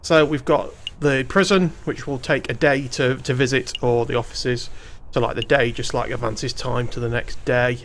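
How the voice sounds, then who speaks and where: A man's voice: mid-range voice, steady tone, normal speed, a bit bright. A man streaming a game, reading the on-screen text aloud and adding wry, jokey asides in a casual let's-play style.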